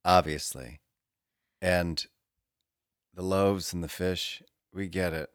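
A man's voice: sits low, steady tone, slow pace, no room sound. A man co-hosting a comedy podcast in casual comedic chat, with dry, wry asides. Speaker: podcast co-host.

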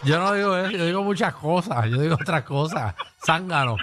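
A man's voice: a little high, lively intonation, background noise. A man with a Puerto Rican accent hosting a radio show, joking and teasing the callers. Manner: teasing, joking quick asides. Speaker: radio host. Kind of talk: comedic radio banter.

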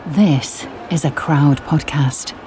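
A woman narrating a scripted true crime podcast in a measured, dramatic storytelling way, with short deliberate phrases. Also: sits low, warm tone, a little hiss or hum.

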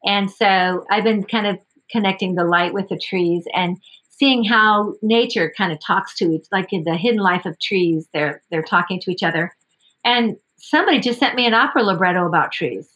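A woman's voice: medium pitch, moderate pace, fairly bright tone. A woman, an opera singer and voice professor, chatting casually in an interview, upbeat and laughing often. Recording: dull lo-fi audio.

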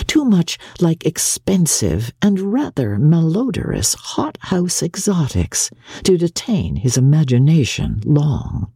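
In a dry, studio-quality recording, a woman with a very deep, husky voice reads a classic novel aloud like a dramatic audiobook narrator, measured and expressive, with deliberate phrasing.

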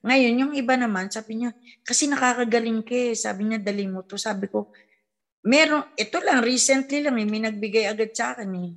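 A woman's voice: fairly high pitch, a little fast. A middle-aged woman, a mother and folk healer, chatting casually with her family and acting out the people she quotes. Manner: animated storyteller who acts out quoted dialogue.

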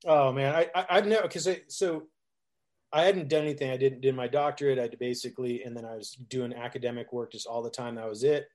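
A middle-aged man with a mid-range voice tells loose stories about his bands in a relaxed interview. He rambles, restarts his sentences and laughs often, and he acts out the other people's lines as he goes. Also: mid-range voice, brisk. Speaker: musician guest. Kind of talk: casual storytelling interview.

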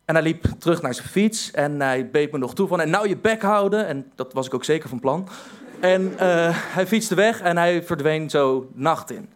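This is a young man with a slightly high voice, telling a story from his own life. He pokes fun at himself and often pauses on filler sounds. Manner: wry, self-mocking, with hesitant fillers. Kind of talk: personal storytelling.

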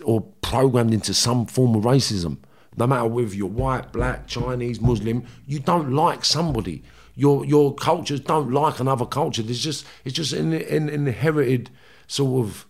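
A man's voice: medium pitch, darkish tone. A man with a Liverpool Scouse accent telling personal stories candidly and colloquially, as a guest in conversation. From Liverpool, England. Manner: colloquial, often checks in with "you know" and "right". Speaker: interview guest.

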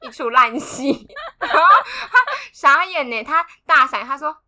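High, lively woman storyteller. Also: unhurried. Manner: animated, dramatic, laughs through her story. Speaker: podcast co-host. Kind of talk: casual storytelling chat.

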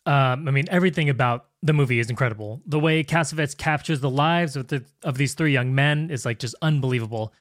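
A man's voice: medium pitch, fast, few pauses, no room sound, clean studio sound. A man hosting an interview, reading out film facts and asking questions with enthusiasm. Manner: enthusiastic, reads facts then asks questions. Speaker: interview host. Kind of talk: podcast interview.

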